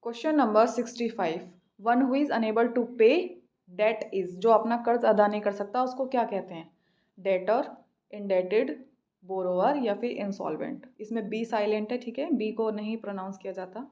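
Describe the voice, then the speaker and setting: An Indian woman tutoring an English exam, reading questions slowly and then explaining quickly. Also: mid-range voice, warm tone, muffled recording. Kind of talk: exam practice lesson, Hindi-English mix.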